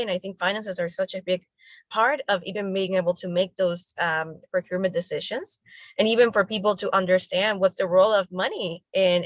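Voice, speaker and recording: A woman's voice: medium pitch, dry recording. A young woman from the Dominican Republic speaking enthusiastically as a panelist. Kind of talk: panel discussion.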